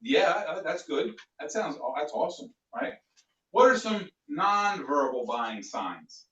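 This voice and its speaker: Male sales trainer, fairly high voice, roomy and distant, dull recording. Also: unhurried. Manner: animated, plays out customer dialogues. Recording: echoey room, distant mic, dull sound.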